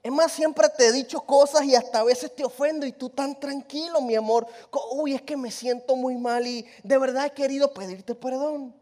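A man's voice: extremely high pitch, moderate pace, hardly any pauses, a little mellow, pitched above the performer's own voice. A man voicing a remorseful elderly wife who tenderly apologizes to her husband in a told story. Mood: apologetic.

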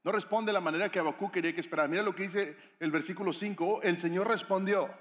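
High-voiced pastor preaching. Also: male voice, very fast, a bit bright. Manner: conversational, questioning the audience. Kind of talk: sermon. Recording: echoey hall reverb.

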